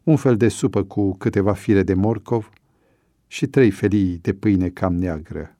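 A man narrating an audiobook story in a measured, even storytelling voice. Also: low voice, no echo, clean studio sound.

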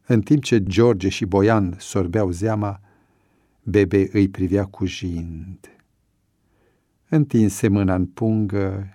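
A man narrating an audiobook story in a measured, even storytelling voice. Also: on the low side, dry recording, studio quality.

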